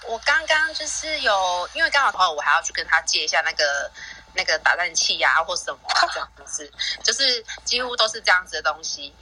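Bright-voiced mother sharing a story. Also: lowish voice, very animated, brisk, a little hiss or hum, low-quality recording. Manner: rambling, many restarts and fillers. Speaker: guest parent. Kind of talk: casual sharing on a live audio chat.

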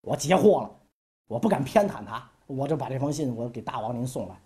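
Scheming, ambitious general, as a male storyteller puts him on, smooth and ingratiating, mellow low voice. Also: expressive, a little fast, lightly acted. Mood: feigned loyalty.

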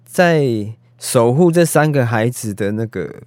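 A man's voice: medium pitch, expressive, unhurried, darkish tone, no echo. A man with a Taiwanese Mandarin accent in a casual interview as a guest film director, hesitant and self-deprecating, searching for his words.

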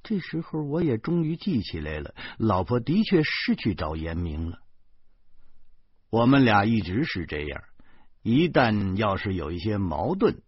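Slow, very expressive husky male narrator. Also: fairly low pitch, no echo. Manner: dramatic, sarcastic storytelling. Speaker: audiobook narrator. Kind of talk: expressive first-person novel reading. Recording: dull lo-fi, dry sound.

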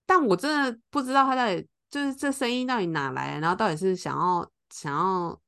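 A woman's voice: medium pitch, fairly quick, gravelly, clear, resonant tone. A woman, co-hosting a podcast and telling a story in casual chat, acting out the lines of the people in it. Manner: animated, acts out quoted lines. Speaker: podcast co-host.

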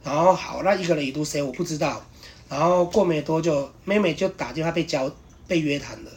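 Rich: A quick, fairly high-voiced man, telling a work story in a rambling, animated way. He hurries through the account, restarting phrases and circling back over the details as he goes. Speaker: podcast host. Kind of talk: casual storytelling chat.

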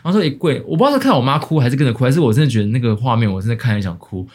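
A young man with a Taiwanese Mandarin accent, co-hosting a casual podcast chat, rambling with many restarts and quick laughs. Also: medium pitch, expressive, a little mellow, slightly rough. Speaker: podcast co-host.

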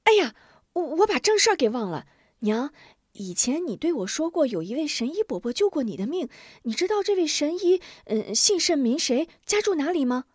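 A woman voicing an eager, curious young boy who speaks high and quickly. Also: sing-song, dry recording, studio quality.

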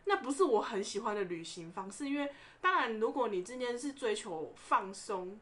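A woman, chatting on a podcast. Her voice sits a little high, and she tells her stories with animation, laughing in the middle of sentences. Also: moderate pace. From Taiwan. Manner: animated storyteller, often laughing mid-sentence. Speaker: podcast co-host. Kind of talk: casual chat, storytelling.

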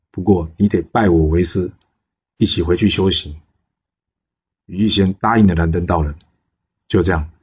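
Deep, husky male storyteller. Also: a little mellow, dull audio. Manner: chatty, asks the listener questions, fillers 呢. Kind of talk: casual storytelling of a folk legend.

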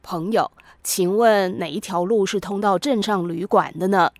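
A woman reading a story, voicing a calm, gracious male emperor who speaks politely and gently teases. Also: dry recording, lightly acted. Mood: courteous. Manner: polite, unhurried, lower voice.

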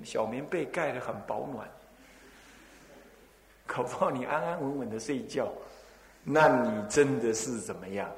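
In an echoey hall, a temple abbot from Taiwan gives a dharma talk with a storyteller's energy, tossing out rhetorical questions and chuckling now and then. His voice is mid-range.

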